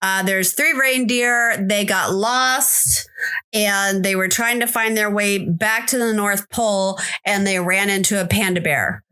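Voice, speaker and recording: A woman's voice: mid-range voice, fairly even intonation, unhurried, sharp tone, clean tone. A woman hosting a podcast, chatting casually and rambling with many fillers. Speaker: podcast host. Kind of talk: casual chat.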